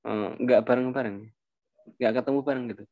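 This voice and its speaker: A young man mentoring over a video call, his speech loose and casual, full of fillers as he thinks aloud. His mid-pitched voice comes through dull, lo-fi audio. The sound is dry and close, with no room behind it. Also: fairly quick, dry recording. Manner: relaxed, informal, with many fillers and asides. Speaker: webinar speaker answering questions.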